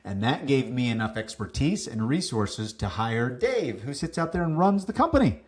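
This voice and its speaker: A man telling stories as a guest on a business podcast, lively, acting out what people said, with some casual swearing. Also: medium pitch, normal speed. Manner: animated, acts out quoted dialogue, casual swearing. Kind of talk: casual interview storytelling.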